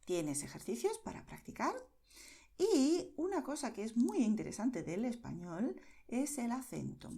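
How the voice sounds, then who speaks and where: Woman, Spanish lesson, warm mellow tone, patient and clear. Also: medium pitch. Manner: patient, spells letters out, checks in with "¿vale?". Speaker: Spanish teacher. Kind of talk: slow, clear teaching to beginners.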